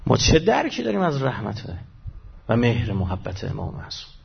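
Husky man preaching with hushed-to-loud swings. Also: mid-range voice, huge pitch swings, lo-fi sound. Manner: swings from hushed to loud, emphatic drawn-out phrases. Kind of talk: religious sermon with dramatic storytelling.

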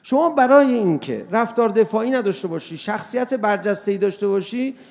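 A man giving a sermon to an audience, animated, acting out little dialogues with mocking humor. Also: high voice. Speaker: religious lecturer.

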